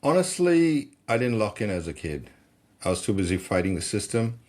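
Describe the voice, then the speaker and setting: A middle-aged man from Malaysia speaks in a fairly low voice as a podcast guest. He tells stories with animation and keeps restarting words as he gets excited. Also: normal speed. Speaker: guest, personal development coach. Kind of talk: conversational storytelling.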